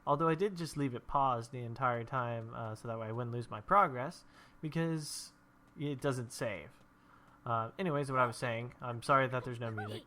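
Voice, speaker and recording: A young man stuffed up with allergies hosts a gameplay video, rambling and telling stories as he plays in casual commentary. His mid-range voice has a sharp tone and moderate pace, with slight background noise.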